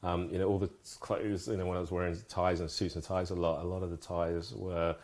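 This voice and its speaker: A man from Ghana who grew up in the UK, a brand co-founder talking through his products in a casual interview, thoughtful and halting with many restarts. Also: low-pitched, flat delivery, darkish tone. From Ghana, raised in the UK from age five.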